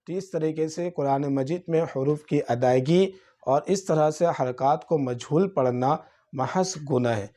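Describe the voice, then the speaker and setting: A man's voice: fairly high pitch, dark tone. A man with a Pakistani Urdu accent teaching Quran reading, explaining letters and vowel marks step by step. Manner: drawn-out syllables in recitation drills. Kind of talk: slow spelled-out teaching lesson.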